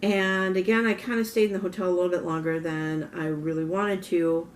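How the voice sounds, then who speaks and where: A woman's voice: fairly low pitch, steady tone, brisk, slight background noise. A woman from Minnesota vlogging in a casual, rambling way, often correcting herself, with a morning voice. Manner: rambling, self-correcting storyteller. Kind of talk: casual talking-head vlog.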